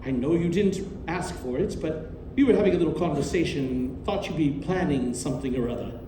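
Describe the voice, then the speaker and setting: A man's voice: on the high side, expressive, fairly quick, natural voice. A man playing a formal, controlling doctor and guardian in a stage play, genteel and authoritative. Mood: courteous. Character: genteel, controlling doctor, uncle to orphan girl. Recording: distant, roomy stage recording, faint noise.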